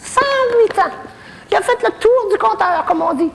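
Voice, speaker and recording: A woman with a Québécois French accent performs a stand-up character monologue as a cheeky, bawdy old lady in a retirement home, trading saucy gossip and self-mocking jokes. Her very high, creaky voice has lively intonation and a measured pace, delivered as a full character voice in a large hall.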